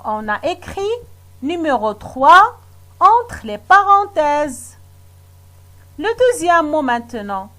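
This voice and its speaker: Slow, lively-voiced woman teaching children. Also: extremely high pitch. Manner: slow, patient, praising and questioning. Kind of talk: children's phonics lesson.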